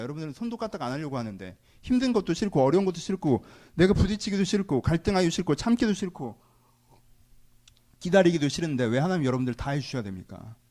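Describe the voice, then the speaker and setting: A man preaching a sermon in a high, lively voice that leaps around his range. He challenges the congregation with rhetorical question after question. He moves between forceful exhortation and soft, low asides. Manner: swings between loud exhortation and quiet asides. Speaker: pastor.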